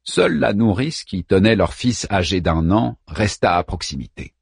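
A man narrating a first-person story in a measured reading voice. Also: low-pitched, very animated, creaky, slightly rough, no echo, clean studio sound. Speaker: audiobook narrator.

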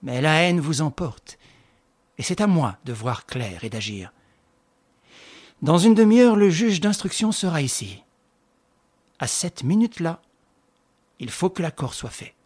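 A firm, commanding gentleman, as a male reader voices him in an audiobook. He speaks with authority, his pitch rising forcefully on key words. The voice sits fairly high and lively. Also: measured pace, long pauses. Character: commanding composed gentleman investigator. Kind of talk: audiobook reading.

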